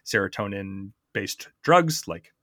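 A man's voice: fairly low pitch, lively intonation, slow pace, a bit bright, dry recording, clean studio sound. A man hosting a podcast, casually explaining science step by step and often checking in with his co-host.

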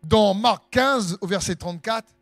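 A man's voice: sits high, unhurried, dry recording. A man preaching a sermon in an impassioned, sing-song way, letting his phrases swell for emphasis.

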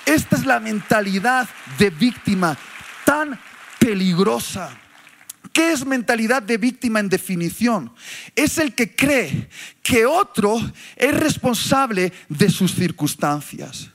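A male pastor preaching a sermon with passion, shouting some points for emphasis. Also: high-pitched, very animated, takes it slowly.

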